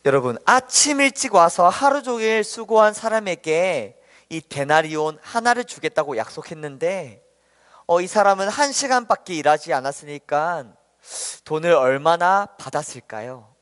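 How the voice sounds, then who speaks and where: Man, children's sermon, gentle storytelling, asks the kids questions, high voice, long hall reverb. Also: big pitch swings, moderate pace.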